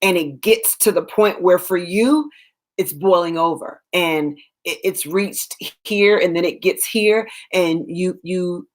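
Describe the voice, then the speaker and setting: A woman's voice: on the low side, slow pace. Woman teaching scripture conversationally. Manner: conversational, acts out scripture with quoted voices. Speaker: Bible teacher and web show host. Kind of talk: casual Bible teaching.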